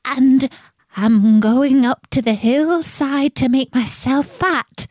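A tiny, innocent young billy goat from a children's tale, played by a woman. The small voice sits high and pleads timidly. The words come slowly, in a dry, close sound. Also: a little mellow, no room sound. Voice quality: small, thin voice.

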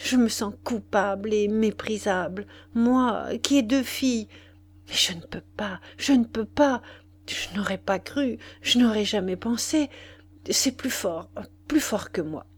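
A woman voicing a married woman torn between guilt and love, confessing in a breathless, hushed way, in an audiobook reading. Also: fairly high pitch, unhurried, pitched above the performer's own voice. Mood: anguished. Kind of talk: audiobook character voice.

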